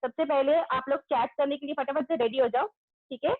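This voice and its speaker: Loud high-voiced woman teaching an online class. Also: steady tone, fairly quick, no echo. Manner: loud, calls out pupils' names and praises answers. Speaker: school teacher. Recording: tinny phone-like audio.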